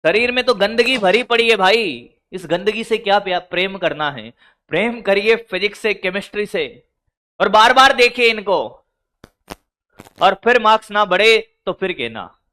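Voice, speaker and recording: Bright, forceful Hindi-speaking physics teacher. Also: male voice, sits high, expressive, moderate pace. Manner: scolding, colloquial, addresses students as brother and son. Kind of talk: exam strategy lecture.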